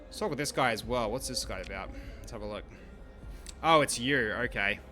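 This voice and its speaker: A man streaming a game, chatting and thinking aloud in casual commentary, quick to laugh. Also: mid-range voice, pushed and bright, soft background music.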